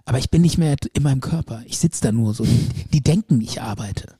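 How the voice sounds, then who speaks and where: A man voicing a female coworker in a low, subdued, mumbly tone. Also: brisk, mellow, breathy edge, no room sound, clean studio sound. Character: female coworker, calm and matter-of-fact.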